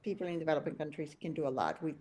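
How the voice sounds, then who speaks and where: A woman's voice: deep voice, racing, darkish tone, a little hiss or hum. A middle-aged woman from Venezuela hosting a podcast interview, telling stories in a reflective way with frequent restarts. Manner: storytelling, reflective, many restarts. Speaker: podcast host. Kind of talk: conversational interview.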